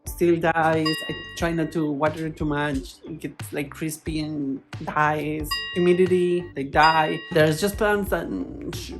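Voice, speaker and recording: This plant vlogger's voice sits low, her intonation fairly even and her pace a little slow. Speaking English with a foreign accent over music, she chats in a playful, informal, slightly hesitant way.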